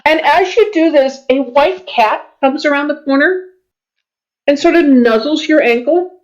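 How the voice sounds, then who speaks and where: High voiced lady game master describing stuff on the fly, bit halting, slightly lo-fi sound. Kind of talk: improvised tabletop game narration.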